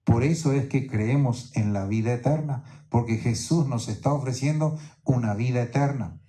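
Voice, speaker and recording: A man delivers a teaching sermon from the pulpit with a mellow, darkish voice of middle pitch. He explains scripture step by step and keeps checking in with his listeners through repeated rhetorical questions. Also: moderate pace. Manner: teaching tone, keeps asking "¿no es cierto?". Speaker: pastor. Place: church in New York.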